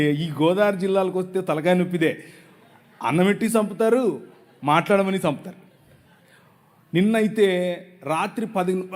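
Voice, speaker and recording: A man with a notably high voice delivers a sermon to thousands in a large venue. He moves between playful banter with the crowd and careful, teacherly explanation. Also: darkish tone. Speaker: preacher. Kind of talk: sermon to a live audience.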